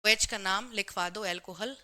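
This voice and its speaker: A woman's voice: medium pitch, moderate pace, pushed and bright. A woman teaching chemistry in a live online class, explaining step by step, reading out students' comments and answering them with a lot of "theek hai". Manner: says "bhai" and "theek hai" to the class often.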